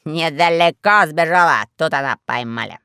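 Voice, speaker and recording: A woman voicing a pompous, blustering male space admiral in a storybook, loud and self-important. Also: deep voice, lively intonation, moderate pace, gravelly, clear, resonant tone, no room sound, studio quality, heavily acted. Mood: nervous, reporting. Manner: shouting, pompous.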